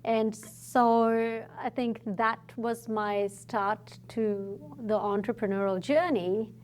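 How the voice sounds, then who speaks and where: A middle-aged woman from Fiji, a guest entrepreneur telling her story in a relaxed, reflective podcast interview. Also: fairly high pitch, a little hiss or hum. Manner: reflective, storytelling, thoughtful pauses.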